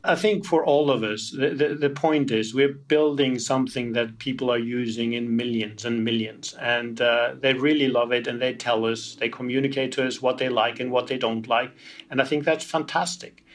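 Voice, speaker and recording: A man's voice: mid-range voice, fairly even intonation, normal speed. A man from Iceland, answering interview questions as a company founder, often repeating words as he restarts. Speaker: tech company founder, guest.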